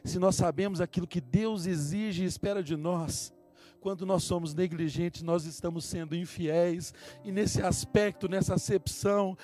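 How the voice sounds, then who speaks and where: A man in his thirties preaching a sermon, earnestly addressing the listener as a dear brother and slowing down to stress key words. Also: sits high, fairly even intonation, warm tone, faint music behind.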